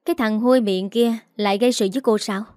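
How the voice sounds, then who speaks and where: A woman's voice: fairly high pitch, steady tone, quick pace, warm tone, no echo, clean studio sound, lightly acted. A woman voicing a curt, bossy wealthy young man in a read-aloud story. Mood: brusque. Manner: terse, commanding.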